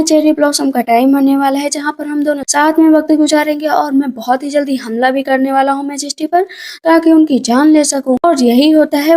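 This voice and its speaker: Woman, high voice, mellow tone, chatty plot recap, repeats for emphasis. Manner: conversational retelling, repeats for emphasis. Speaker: drama recap narrator.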